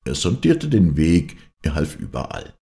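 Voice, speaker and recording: A man narrates a classic adventure novel as an audiobook reader, keeping a steady, measured pace. His voice is very deep and gravelly.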